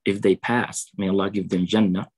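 A man with a low, husky voice preaches to an online audience for a charity drive. He recites a saying in Arabic, then slows down to translate and explain it. The sound comes through a webcam on a video call. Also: level tone, darkish tone, poor audio. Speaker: preacher at a fundraiser. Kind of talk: online fundraising sermon.

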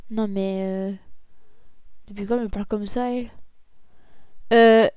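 A woman's voice: mid-range voice, fairly even intonation, a little slow, clean tone, dry recording, lo-fi sound, close to an everyday voice. A woman voicing a hurt, complaining eleven-year-old little sister in a Roblox role-play, talking with many fillers. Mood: plaintive. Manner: complaining, full of fillers and restarts.

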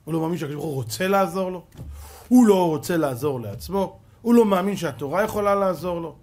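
A man with a high-pitched voice and an Israeli accent preaching a fervent sermon as a rabbi. He swings sharply from hushed, low phrases to loud, pitched-up cries. He keeps throwing rhetorical questions at his listeners. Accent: Israeli Hebrew. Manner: dramatic swings from hushed to shouting.

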